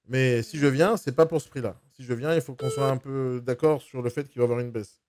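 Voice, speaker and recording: Posing as a buyer on a phone call, a male mystery shopper pushes hard and repeats himself insistently to get his way. His mid-range voice is steady, a little fast and slightly mellow, with soft music in the background.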